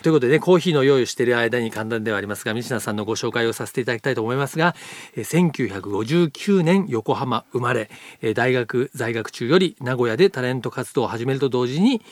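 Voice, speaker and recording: Lively, fast-talking middle-aged male radio host. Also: medium pitch, no echo. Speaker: radio host, magazine editor-in-chief. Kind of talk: chatty radio show hosting.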